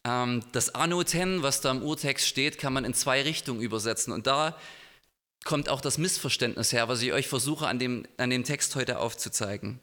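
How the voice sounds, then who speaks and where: A man's voice: mid-range voice, normal speed, sharp tone. A man preaching a sermon as pastor in a church, explaining thoughtfully. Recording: long hall reverb in a church.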